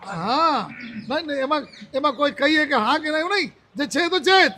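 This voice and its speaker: A man's voice: extremely high pitch, lively intonation, a little fast, pushed and bright, slight background noise. A man in his seventies, a monk giving a religious discourse, telling a personal story and acting out the dialogue he quotes. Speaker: Jain monk.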